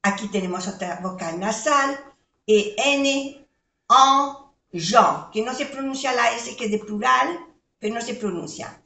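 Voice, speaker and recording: An older woman teaching a language lesson, patiently spelling out letters and repeating words slowly. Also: fairly high pitch, gravelly, bright, forceful tone. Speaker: French teacher. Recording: echoey room.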